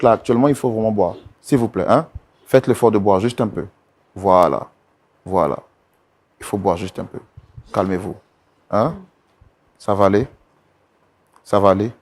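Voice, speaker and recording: A man mediating a couple's dispute, insistently repeating calls to calm down and sit. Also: lowish voice. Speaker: mediator host.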